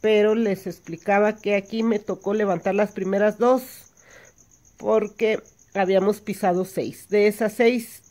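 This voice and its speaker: A woman's voice: medium pitch, fairly even intonation, a little slow, warm tone. A woman teaching hand embroidery step by step, patiently counting stitches aloud and checking in with her listeners. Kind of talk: step-by-step craft tutorial.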